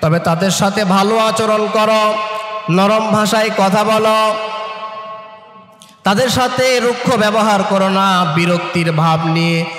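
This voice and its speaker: A man's voice: high-pitched, steady tone, takes it slowly, long pauses, fairly bright tone. A middle-aged man preaching a fervent sermon with a Bangladeshi Bengali accent, asking his listeners rhetorical questions and chanting verses. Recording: echoey hall with faint music.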